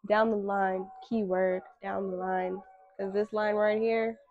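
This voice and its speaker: Twenty-something woman just talking, candid n slangy, kinda raspy, dull recording. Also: mid-range voice, flat delivery, measured pace, dry recording. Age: 20s. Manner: candid, slangy, emphatic repetition. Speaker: podcast host. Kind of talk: casual solo talk.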